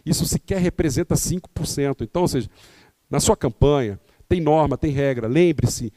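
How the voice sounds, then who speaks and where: A man's voice: a little high, moderate pace, dark tone, dry recording. A Brazilian man giving an explanatory lecture on campaigns to candidates, with many fillers and tag questions. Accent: Brazilian Portuguese.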